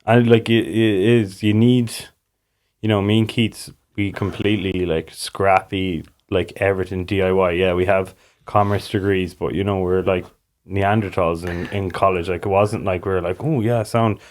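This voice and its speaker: A man's voice: low voice, flat delivery, normal speed. A young man with a west of Ireland accent chatting casually and telling anecdotes in loose, sweary slang, peppered with "like" and "you know". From Galway, Ireland. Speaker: podcast guest, business co-founder.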